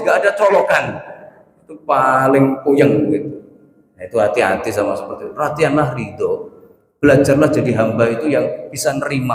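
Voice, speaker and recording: A man preaching a Sunday morning sermon in a humorous, conversational way, often turning to his listeners directly. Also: mid-range voice. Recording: roomy hall with long reverb.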